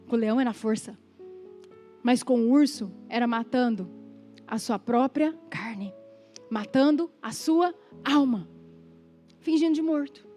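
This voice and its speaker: A Brazilian woman pastor with a high voice delivers a sermon in a lively, conversational manner, talking directly to her listeners. She is recorded in a church with faint music in the background. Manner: animated, conversational preaching with asides and laughter.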